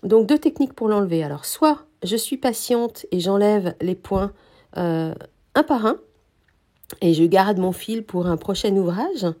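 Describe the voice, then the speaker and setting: A woman teaching a knitting technique, explaining each step calmly with frequent hesitations, her voice slightly nasal from a cold. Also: medium pitch. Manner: calm, hesitant explaining with many pauses. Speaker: knitting instructor. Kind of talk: knitting tutorial.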